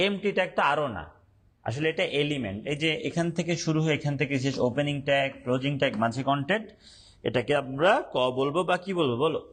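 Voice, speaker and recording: A young man teaching an online class, speaking slowly and deliberately, repeating points and quizzing his students. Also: mid-range voice, slight background noise.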